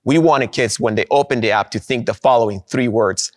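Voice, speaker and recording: A man from Guatemala, giving an upbeat conference keynote and slowing down to stress key points. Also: medium pitch, no echo. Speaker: presenter of a product.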